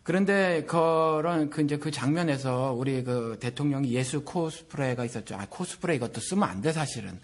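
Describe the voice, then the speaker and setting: Earnest Korean pastor, slightly high voice. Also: male voice, expressive, normal speed, few pauses. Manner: earnest, indignant, thinks aloud with many fillers. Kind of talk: casual radio talk. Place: lives in Texas, USA.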